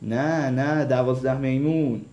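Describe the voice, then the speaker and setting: Man, radio co-host, mellow tone, teasing, casual banter. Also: medium pitch, steady tone, lo-fi sound. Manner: teasing, joking. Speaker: radio show co-host recommending series.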